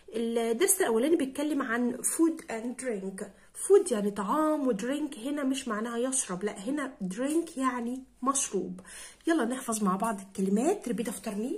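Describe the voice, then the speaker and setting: A woman with an Egyptian Arabic accent teaches English words to children in a fairly high voice. She repeats each word slowly and clearly, as in a vocabulary drill.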